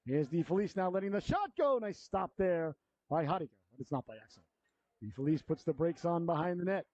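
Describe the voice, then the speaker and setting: High-pitched male hockey announcer, echoey sound. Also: fairly quick, muffled recording. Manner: folksy, excitable on plays, colourful slang. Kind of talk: live hockey announcer commentary.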